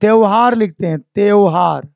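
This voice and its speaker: A man's voice: high-pitched, normal speed, creaky, darkish tone, no echo. A man teaching an exam-prep class, who repeats each word and keeps asking the class for answers. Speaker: Hindi grammar teacher. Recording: dry, dull lo-fi sound.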